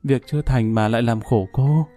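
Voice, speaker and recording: A man's voice: mid-range voice, normal speed, mellow, soft background music, lightly acted. A man reading the part of an anxious, pleading young woman in a spoken ghost story. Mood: tearful. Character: young woman, scheming then tearful and remorseful.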